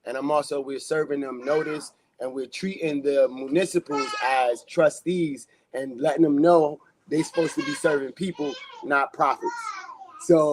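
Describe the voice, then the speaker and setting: A man's voice: fairly high pitch, slight background noise. A man speaking as a guest on a casual podcast, with a loose, rambling delivery full of fillers and street slang. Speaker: podcast guest, community activist.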